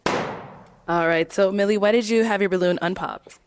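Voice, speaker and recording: A woman hosting a dating show, steady and directive. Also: medium pitch, normal speed, background noise.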